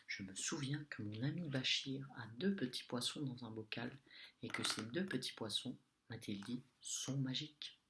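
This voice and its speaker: A man telling a storybook tale in a hushed, deliberate whisper. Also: mid-range voice, slight background noise.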